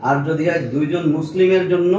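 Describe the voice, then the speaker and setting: An Arabic grammar teacher works informally through each step with a small class, pausing to make sure they understand. His voice is a little high for a man, steady, mellow, and a little fast. The recording sounds roomy and distant, with a faint hiss in an echoey room.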